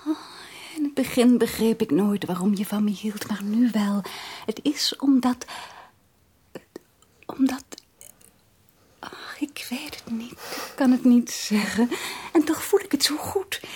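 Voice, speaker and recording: A highly strung young woman for a radio drama, quick to alarm and prone to tender, breathy whispers. Her voice sits high. She sounds fragile and overwrought. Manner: emotional, soft and breathy, often whispering. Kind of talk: 1980s radio drama acting.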